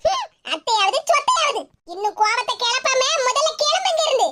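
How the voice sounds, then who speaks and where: A woman voicing a harsh, stubborn middle-aged mother-in-law in a cartoon, with a Tirunelveli Tamil accent and a fast, scolding way of talking. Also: very high-pitched, big pitch swings, bright, forceful tone, faint music behind, exaggerated voice. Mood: angry. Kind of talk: cartoon voice acting.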